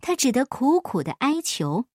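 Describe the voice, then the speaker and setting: A woman storyteller reading a folk tale aloud in an expressive storybook style. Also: sits high, moderate pace, no echo, studio quality.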